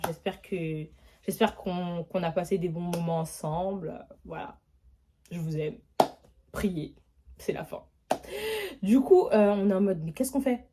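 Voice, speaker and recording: A young woman vlogger telling a story in a casual, animated way, full of slang and repeated filler tags. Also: fairly low pitch, noisy background.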